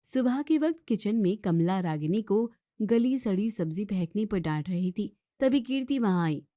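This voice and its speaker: A woman's voice: medium pitch, lively intonation, normal speed, mellow, no room sound, clean studio sound. A woman narrating a cartoon story in a plain, matter-of-fact way.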